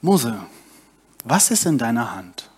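A man's voice: medium pitch, big pitch swings, slow, breathy edge, pitched below the performer's own voice, full character voice. A man voicing God as a patient, insistent divine speaker. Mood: calm. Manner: insistent, reassuring.

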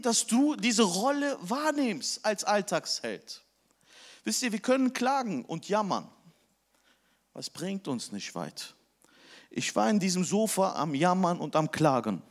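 A man preaching a sermon with lively, animated storytelling. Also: very high voice. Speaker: pastor.

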